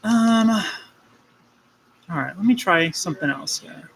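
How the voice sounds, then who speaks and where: A woman's voice: lowish voice, animated, unhurried, rough recording. A woman streaming an electronics project, thinking aloud with hesitant ums while she works. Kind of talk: casual live-stream tinkering talk.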